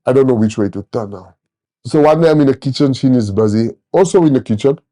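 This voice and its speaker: A man in his thirties giving a personal testimony in an interview, animated and acting out the people he quotes. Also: mid-range voice, fast talker. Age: 30s. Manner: animated storyteller, acts out quoted voices. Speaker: church member sharing testimony.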